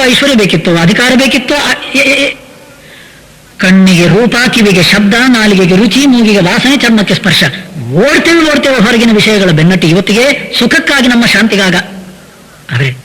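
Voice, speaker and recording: A man with a high, husky voice giving a devotional talk on verses. He poses rhetorical questions and addresses the listeners as sir. Now and then he stops to chant a verse slowly. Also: fairly bright tone, long reverb tail, poor audio. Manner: chants verses slowly between spoken explanation. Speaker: spiritual lecturer. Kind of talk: devotional discourse on poetic verses.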